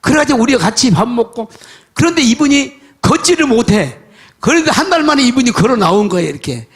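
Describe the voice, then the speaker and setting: High-voiced older Korean pastor preaching. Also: male voice, big pitch swings, quick pace. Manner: folksy storytelling preacher, swings from soft mutters to shouts. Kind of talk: sermon.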